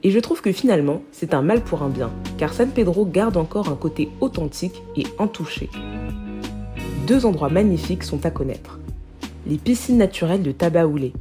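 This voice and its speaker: A woman host reading calm, reflective voice-over narration for a travel vlog. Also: fairly low pitch, moderate pace, music in the background.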